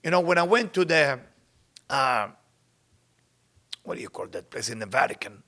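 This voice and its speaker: A man with an Israeli accent teaches Kabbalah in an informal way, weaving in stories and repeating phrases to emphasize them. His mid-range voice has lively intonation and a pushed, bright quality. He races when reciting passages of Hebrew text.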